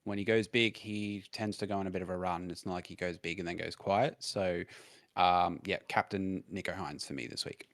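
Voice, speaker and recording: Low-voiced Australian man chatting sport. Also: steady tone, moderate pace, a bit bright, no room sound, studio quality. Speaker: fantasy rugby league podcast co-host. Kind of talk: casual sports chat. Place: voice call.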